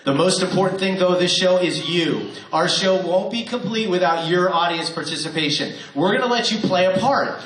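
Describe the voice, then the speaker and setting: A man with a slightly bright voice that sits high warms up a live audience at a radio theater show, joking around and coaxing the crowd through cue-card rehearsal. Applause and audience noise fill the echoey hall.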